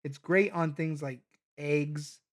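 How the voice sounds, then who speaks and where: A man's voice: on the high side, fairly even intonation, slow. A man casually thinking aloud as he reviews hot sauces, rambling with lots of fillers and restarts. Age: adult parent.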